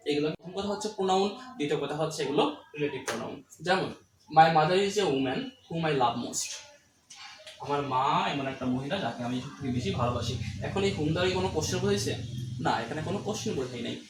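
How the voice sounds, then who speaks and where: A man teaching English grammar, explaining quickly and slowing down to read each English example aloud. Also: on the high side, expressive. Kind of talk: classroom-style grammar lesson. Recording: roomy, distant mic, noisy.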